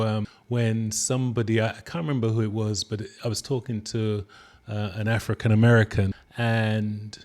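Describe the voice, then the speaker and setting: Measured, reflective man hosting a podcast. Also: medium pitch. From England. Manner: measured, reflective, with frequent backchannel murmurs. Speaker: podcast host. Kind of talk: conversational interview.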